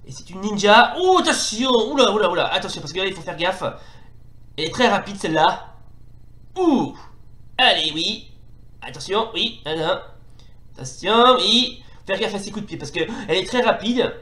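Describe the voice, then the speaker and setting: A man giving live commentary on a retro fighting game, hesitant and full of fillers, bursting into excited exclamations during the fights. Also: high voice, moderate pace. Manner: hesitant, many fillers and restarts. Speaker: retro gaming video host. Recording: roomy echo.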